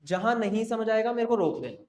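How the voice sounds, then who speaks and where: Speaking a little fast in a high, expressive, somewhat mellow voice, a male accounting instructor walks his class through the fundamentals. He gently encourages them and often asks if they're keeping up, his lecture echoing around the room.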